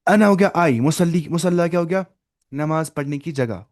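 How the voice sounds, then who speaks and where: A man's voice: a little high, a little mellow. A man teaching an online language class, explaining step by step, mixing in English words and quizzing his students by name. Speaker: Arabic teacher.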